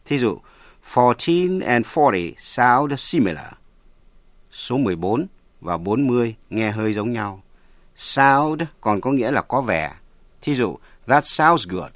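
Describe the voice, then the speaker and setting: A man hosting a radio English lesson, reading a scripted bilingual lesson and spelling out words slowly and carefully. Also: medium pitch, sing-song, no echo. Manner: slow, careful spelling and pronunciation drills. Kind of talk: scripted bilingual teaching narration.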